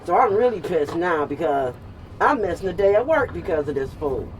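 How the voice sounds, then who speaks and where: An older woman chatting casually and telling stories in an animated, emphatic way, repeating phrases for comic effect. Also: on the low side, normal speed. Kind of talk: casual storytelling chat. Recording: noisy with clear vehicle and street sound.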